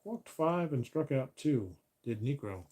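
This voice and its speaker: Calling a board game replay of tabletop baseball, the host stays relaxed while tallying stats out loud and fixing his own slips. His medium-pitched voice keeps a measured pace and grows slightly raspy.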